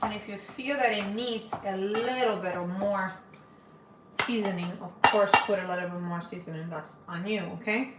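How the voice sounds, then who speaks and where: A chatty Dominican woman in her forties hosts a casual live cooking stream from her home kitchen, talking to viewers as she cooks. Her mid-range voice moves at a moderate pace. The room sounds roomy and there's heavy background noise.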